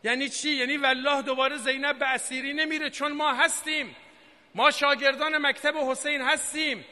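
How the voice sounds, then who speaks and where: A man preaching an impassioned political Friday sermon, rising to shouted declamation from the pulpit. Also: extremely high pitch, flat delivery. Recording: long reverb of a large hall.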